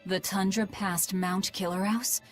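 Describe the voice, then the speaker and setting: A woman's voice: mid-range voice, steady tone, measured pace, faint music behind, close to an everyday voice. An actress playing a blunt, serious young woman in a video game, with a matter-of-fact manner. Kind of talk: game voice acting.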